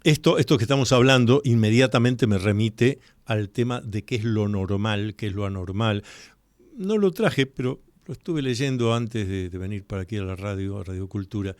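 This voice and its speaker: A man's voice: fairly low pitch, dry recording. Man hosting live radio, dry studio sound. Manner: explanatory, addresses listeners directly, repeats key points slowly. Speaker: radio host. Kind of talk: live radio talk on psychology. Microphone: studio microphone.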